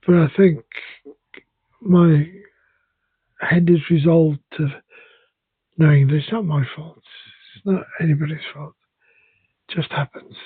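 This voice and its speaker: This casual podcast chat features a bilingual English and Welsh speaker whose slightly high, husky voice stumbles along, with frequent halts and restarts. The sound is narrow and dry like a phone line, and there's no room sound at all.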